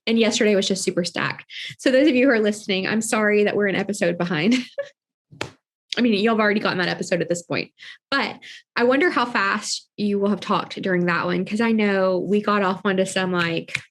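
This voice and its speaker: A woman's voice: mid-range voice, brisk, a little hiss or hum. A young adult woman co-hosting a podcast, chatting casually, laughing often and thinking aloud with lots of fillers. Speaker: podcast co-host. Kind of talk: casual chat.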